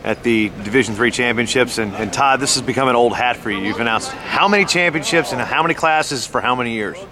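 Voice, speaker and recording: A man's voice: mid-range voice, brisk, crowd noise. A man conducting a conversational sports interview on site, putting questions to his guest. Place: at a championship venue.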